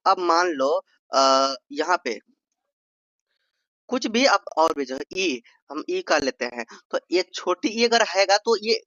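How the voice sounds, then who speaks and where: A man's voice: high voice, sharp tone, dry recording. Bihari-accented male tutor, playful and chatty, dull lo-fi sound. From Bihar, India. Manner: playful, stretches vowels to demonstrate, addresses viewers as brother. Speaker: exam tutor. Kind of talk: informal revision lesson.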